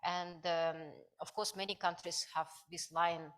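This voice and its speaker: Presenting her research at an academic conference, a woman from Kazakhstan speaks in a lowish, unhurried voice with little pitch movement. Her delivery is hesitant, heavy with fillers, and shaped by non-native grammar.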